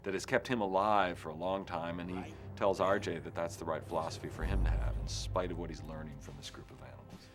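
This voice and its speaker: A man's voice: sits low, fairly even intonation, quick pace, hardly any pauses. A man, a director in an interview, speaking thoughtfully and articulately. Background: film music.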